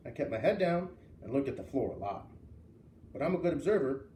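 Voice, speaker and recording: A man's voice: medium pitch, sing-song, fairly quick, warm tone. A man reading a children's novel aloud as a storyteller, expressively acting out the dialogue. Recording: roomy, distant mic with faint hiss.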